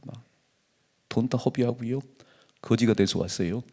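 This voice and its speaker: A man's voice: medium pitch, normal speed, warm tone. A male pastor preaching a dawn sermon in a colloquial, emphatic way, sometimes dropping to a whisper. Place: church sanctuary.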